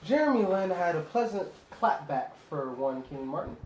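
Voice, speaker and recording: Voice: medium pitch, animated, normal speed, darkish tone, slight background noise. A co-host of a casual basketball talk show, laid-back and teasing. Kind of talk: casual sports chat. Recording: echoey room.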